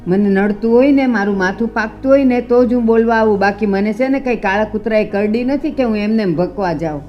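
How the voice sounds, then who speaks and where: A woman's voice: mid-range voice, brisk, lo-fi sound, faint music behind, lightly acted. An actress playing a stubborn older woman who scolds and defends her quarrel with a neighbour. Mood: stern. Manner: stern, scolding.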